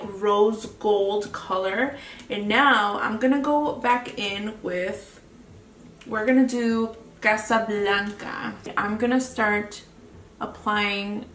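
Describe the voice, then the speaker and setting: In a casual makeup tutorial, a beauty vlogger with a Mexican accent speaks at a medium pitch with a slightly bright tone, frequently trailing off before finishing her thoughts. The audio is echoey and faintly hissy, with the mic placed far away.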